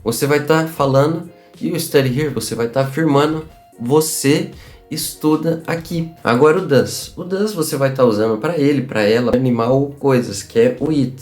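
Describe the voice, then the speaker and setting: Brazilian man, English teacher, upbeat, chatty, mid-pitched voice, faint guitar behind. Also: darkish tone. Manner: upbeat, chatty, repeats examples slowly. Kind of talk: casual online lesson.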